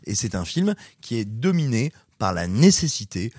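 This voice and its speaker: A man's voice: medium pitch, normal speed, husky, no echo. Sarcastic male film critic, dry sound. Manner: animated, sarcastic, mocks the film. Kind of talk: casual podcast chat.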